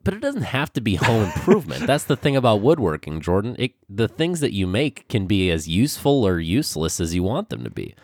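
A young man with a very deep voice, stuffy and nasal from a cold, co-hosts a laid-back podcast. He speaks haltingly with frequent ums, his pitch swinging widely. The sound is dry and close. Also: very animated, a little mellow, no echo. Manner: hesitant, lots of ums and pauses. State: congested from a cold. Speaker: podcast co-host. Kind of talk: casual podcast chat.

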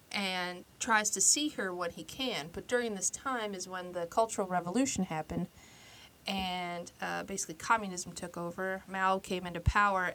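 A woman co-hosting a podcast, casually retelling a story with lively acted-out quotes. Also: medium pitch, slight background noise. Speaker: podcast co-host.

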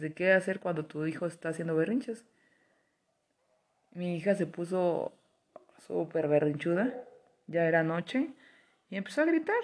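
A woman's voice: fairly low pitch, a little mellow. A woman, candidly talking about raising her daughter alone. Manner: candid, chatty, acts out quoted voices. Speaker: single mother sharing parenting experiences. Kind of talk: casual personal monologue.

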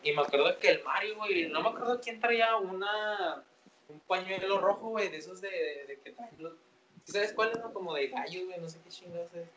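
High-voiced Mexican man telling stories. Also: fairly quick, crowd noise, poor audio. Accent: Mexican Spanish. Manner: slangy, animated, acts out quoted voices. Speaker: podcast co-host. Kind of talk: casual storytelling among friends.

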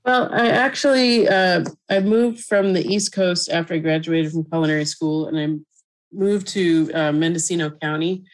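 A middle-aged woman from Colorado, a mushroom expert guest, chatting in a relaxed way with lots of fillers and frequent laughter. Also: lowish voice, normal speed, low-quality recording. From Colorado, USA. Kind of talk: casual interview conversation.

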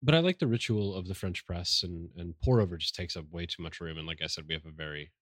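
A man's voice: low voice, fast talker, fairly bright tone, no room sound, clean studio sound. A man chatting casually on a podcast, enthusiastic and a bit rambling, often restarting his sentences. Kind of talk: casual chat.

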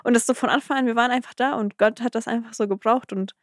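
A woman's voice: fairly high pitch, fairly even intonation, quick pace, dry recording, studio quality. A young woman co-hosting a casual faith podcast, chatty and upbeat with lots of filler words. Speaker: podcast co-host.

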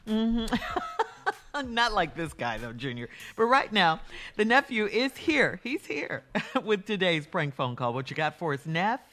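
A man co-hosting a radio show, lively and brisk as he introduces callers and segments. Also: high voice. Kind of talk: call-in radio talk.

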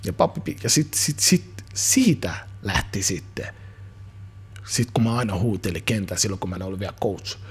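Husky-voiced man talking energetically. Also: on the low side. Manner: energetic, slangy, rambling with restarts. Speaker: guest, musician and youth football coach. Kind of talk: casual interview chat.

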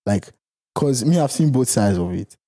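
A man's voice: mid-range voice, animated, normal speed, dark tone. A young man co-hosting a casual podcast chat, talking in a slangy, buddy-like way. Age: young adult. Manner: slangy, buddy-like, punctuated with "bro" and "you know". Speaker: podcast co-host. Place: home studio, seated on a couch.

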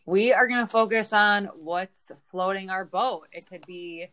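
Female podcast co-host, relaxed slow delivery, mid pitch, off-the-cuff. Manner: off-the-cuff, hesitant fillers. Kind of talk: casual chat.

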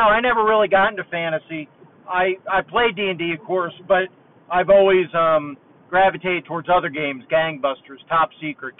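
A man calling in a voice message from his car over a low-quality hands-free phone line, chatting in a relaxed, rambling way. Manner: relaxed and chatty, thinks aloud. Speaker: caller leaving a voice message. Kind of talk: casual rambling chat. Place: driving in a car. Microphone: car hands-free phone mic.

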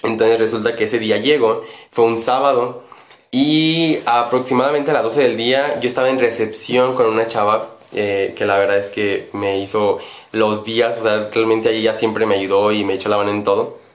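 A man's voice: on the low side, fairly even intonation, moderate pace, roomy sound. A young man with a Mexican Spanish accent tells a story casually, rambling with many fillers and self-corrections.

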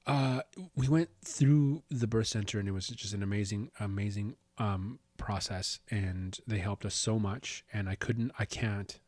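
Male podcast host, casual storyteller, low voice, rambling delivery. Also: a little slow, a little mellow, no echo. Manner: rambling, with many restarts and casual swearing.

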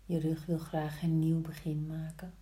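A woman guiding a yoga practice slowly, in a soft, soothing, hushed voice with long pauses between short instructions. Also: deep voice, monotone. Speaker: yin yoga teacher. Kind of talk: slow guided yoga instruction. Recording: roomy, echoing sound.

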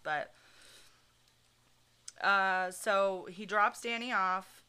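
With a bright, forceful, clear and resonant voice of medium pitch, this woman draws out her words as she hosts a podcast. She recounts a true crime story in a chatty way, dropping lots of fillers such as "like" and swearing freely.

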